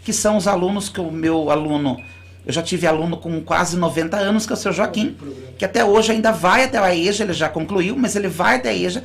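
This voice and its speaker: A Brazilian school director, a guest in a radio studio interview, speaks in a lowish, fast, creaky voice. Her explanations come in long, earnest stretches, and she frequently restarts her sentences.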